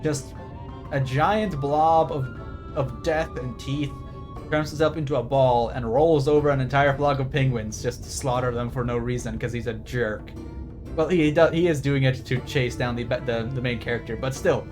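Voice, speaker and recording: Over background music, a male game streamer reads text from the screen and chats, often slipping into excited, rambling asides. He speaks at a medium pitch and a moderate pace.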